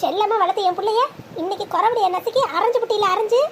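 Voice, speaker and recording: A domineering cartoon matriarch, voiced very high, who lashes out with harsh, threatening scolding. Her shrill, piercing voice is backed by a faint hiss. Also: fast talker, a bit bright. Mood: indignant. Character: domineering mother and family matriarch.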